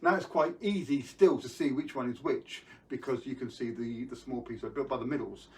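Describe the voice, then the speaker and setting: Man, live-stream magician, casual rambling chat, mid pitch, a bit far from mic. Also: normal speed. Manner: chatty, rambling, greets viewers by name. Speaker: magician hosting an online show. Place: at home.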